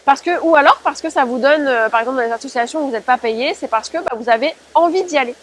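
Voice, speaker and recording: A woman's voice: sits high, quick pace. A woman giving an informal spoken tutorial as a dog-training presenter, explaining step by step and addressing listeners directly.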